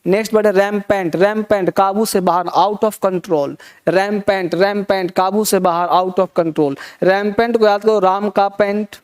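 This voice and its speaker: High-voiced man drilling vocabulary tricks. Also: darkish tone. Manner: repetitive rhythmic drilling of word tricks; leads class in call-and-response. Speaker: teacher. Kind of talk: classroom vocabulary lesson.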